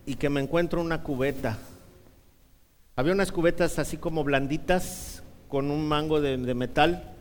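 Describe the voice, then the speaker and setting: A man's voice: on the high side, normal speed, a little hiss or hum. A man preaching a sermon, telling a childhood story with humor and rhetorical questions. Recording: reverberant hall.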